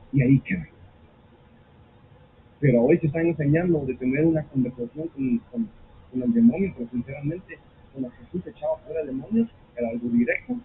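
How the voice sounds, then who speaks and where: A high-voiced man preaches to his congregation, slipping between Spanish and English as he goes. He tells his stories in an animated way and acts out the quotes. The sound is thin and phone-like, with a faint hiss behind it. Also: vocal fry. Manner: switches between Spanish and English mid-sentence; animated storytelling with acted quotes. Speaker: pastor. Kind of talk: sermon.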